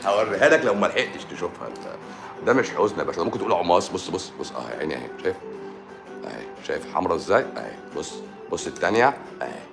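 A man's voice: sits low, very animated, quick pace, creaky, reverberant, over music. An Egyptian man with a sore throat, a doctor hosting a live stream, chatting casually and sarcastically while answering viewers' comments. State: sore throat and swollen eye.

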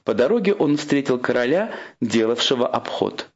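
A man reads a fairy tale aloud in a measured, expressive way, his voice in a middle register. The recording sounds slightly muffled and dull. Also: medium pitch. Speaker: storyteller.

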